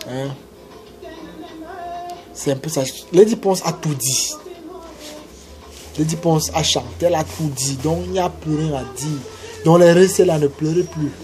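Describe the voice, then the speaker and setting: A man delivering a casual, emphatic advice monologue, repeating his points and jumping up in pitch when he urges his listeners on. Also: darkish tone. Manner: emphatic and repetitive, preachy. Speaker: vlogger giving love advice.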